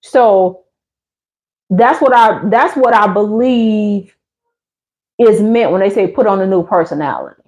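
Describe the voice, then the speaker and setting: An American woman in her fifties hosts a livestream, chatting candidly and casually with viewers in colloquial speech. Her mid-range voice moves at a measured pace with frequent pauses, and she retells stories animatedly, acting out quotes. The lo-fi livestream audio is slightly dull.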